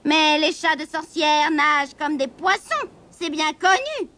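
A woman's voice: high-pitched, animated, a little slow, pushed and bright, voice pushed up, full character voice. A woman voicing a vengeful sea witch who talks in a threatening, imperious way in a storybook reading. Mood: coaxing. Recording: echoey with music and thunder.

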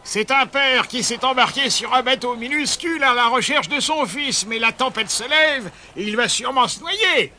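A man voicing an alarmed onlooker on a stormy shore, calling out in a strained shout. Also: very high voice, lively intonation, normal speed, few pauses, a little hiss or hum, voice pushed up, full character voice.

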